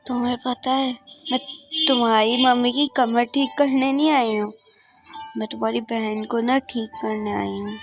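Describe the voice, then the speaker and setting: A woman's voice: fairly high pitch, fairly even intonation, normal speed, over music, natural voice. A woman voicing a young maid who pretends to be a neighbor and coaxes a little princess in a doll game. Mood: confiding. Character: young woman maid posing as neighbor, scheming but kind.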